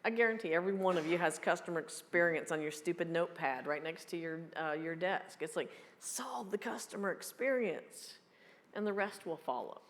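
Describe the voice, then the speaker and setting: A woman in her fifties fields audience questions at a live meeting. She talks in a blunt, joking, quick way, and her voice carries a long reverb from the hall. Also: fairly low pitch, animated. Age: 50s. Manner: blunt, joking, fast-talking. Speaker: keynote speaker. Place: large hall.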